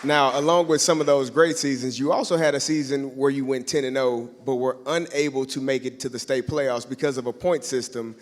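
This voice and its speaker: A man's voice: medium pitch, steady tone, fairly quick, few pauses. Upbeat man interviewing on stage. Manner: upbeat, admiring questions. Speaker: interviewer at awards dinner. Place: large banquet hall. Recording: reverberant banquet hall.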